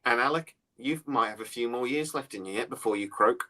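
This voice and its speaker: This is a man in his forties co-hosting a podcast, his mid-range voice bright and forceful and a little fast. He chats casually and bluntly, with open scorn, frequently starting his sentences over.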